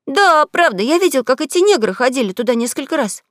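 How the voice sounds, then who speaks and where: A woman's voice: high voice, sing-song, fairly quick, no echo, clean studio sound, pitched above the performer's own voice. A woman playing a wily young boy feigning innocence. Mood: innocent. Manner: innocent-sounding, eager. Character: cunning quick-witted young boy.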